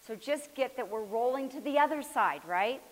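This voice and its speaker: A woman's voice: high voice, animated, normal speed. Woman coaching a floor movement class. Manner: coaching, encouraging, calls students by name; drops to a near whisper at times. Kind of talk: live class instruction. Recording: hissy recording in a reverberant hall.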